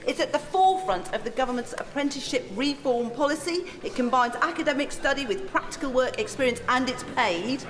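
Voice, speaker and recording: A woman's voice: high voice, fairly quick, few pauses. A woman member of parliament delivering a prepared, formal question in a debating chamber. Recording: echoey hall with crowd noise.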